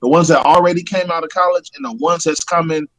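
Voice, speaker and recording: Slangy, higher-voiced man on a sports podcast. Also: fast, rough recording. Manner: slangy, animated, fillers like "like" and "bro". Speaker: podcast co-host. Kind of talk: casual sports talk.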